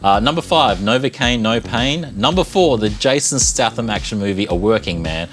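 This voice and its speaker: A man's voice: medium pitch, expressive, normal speed, fairly bright tone. A man reviewing movies on a talk show, chatting about them with rambling enthusiasm. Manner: enthusiastic, rambling film chat. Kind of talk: casual chat. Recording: faint background noise.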